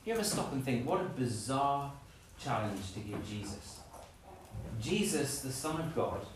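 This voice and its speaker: A man preaching a lively sermon, acting out scenes with playful voices. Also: mid-range voice, a little slow, noisy background. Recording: echoey room, from a distance.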